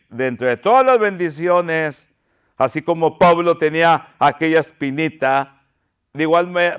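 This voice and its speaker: A man's voice: fairly high pitch, clean tone. A male pastor preaching a sermon, fervent and pleading, repeating his phrases.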